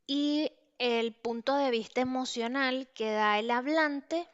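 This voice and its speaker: A woman's voice: fairly high pitch, clean tone, muffled recording. A woman giving an online lecture, explaining ideas step by step with frequent fillers and checking in with her listeners. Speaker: teacher.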